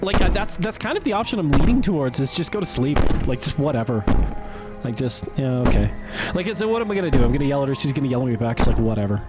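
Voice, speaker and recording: A man's voice: mid-range voice, big pitch swings, quick pace. A man giving casual playthrough commentary as he plays, musing and thinking aloud. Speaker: gamer playing and commenting. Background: game music and sound effects.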